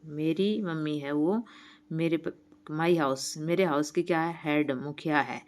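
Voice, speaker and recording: A woman teacher explaining a workbook lesson, reading each item slowly and then asking and answering her own questions. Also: low voice, steady tone.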